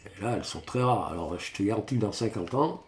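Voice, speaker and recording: A man's voice: lowish voice, expressive, fast talker, slight background noise. A man in his fifties, a rural gardener, chatting emphatically and repeating himself. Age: 50s. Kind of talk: casual chat.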